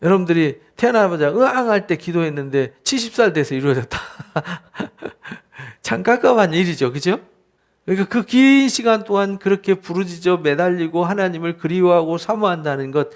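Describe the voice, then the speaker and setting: Korean pastor, animated preaching voice. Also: male voice, a little high. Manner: animated, asks the audience questions and answers them himself. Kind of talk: bible study sermon.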